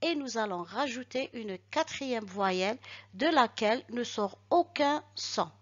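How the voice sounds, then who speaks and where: A woman teaching Arabic letters and short vowels, speaking slowly and deliberately and pronouncing each syllable carefully for learners to repeat. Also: a little high, expressive. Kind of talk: slow instructional lesson. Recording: dull lo-fi recording.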